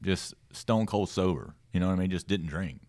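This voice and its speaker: A man's voice: low voice, normal speed, darkish tone. A man co-hosting a podcast in casual, slangy talk with plenty of swearing. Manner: profane, slangy. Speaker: podcast host. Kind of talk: casual chat.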